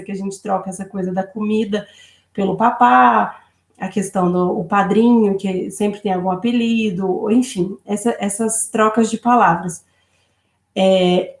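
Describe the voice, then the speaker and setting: A woman co-teaching a parenting course, explaining at length with some fillers. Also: mid-range voice. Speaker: co-instructor. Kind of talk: lecture on child education. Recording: echoey room.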